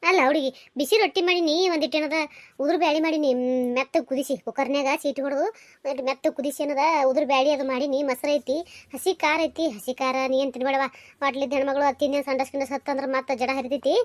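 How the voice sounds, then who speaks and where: Dry close mic. A woman doing a fussing, caring village mother, voiced high and fast. She coaxes and nags over and over, as in a homemade cartoon. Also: steady tone, no echo, close to an everyday voice. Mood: scolding. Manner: coaxing, nagging, talks over and over. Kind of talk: cartoon voice acting.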